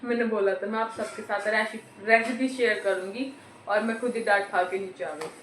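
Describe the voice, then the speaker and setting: A woman's voice: medium pitch, moderate pace, a bit bright, slight background noise. A woman vlogging casually from her home kitchen, chatty and laughing at herself, filmed on a phone in a roomy room. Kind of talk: casual home cooking vlog.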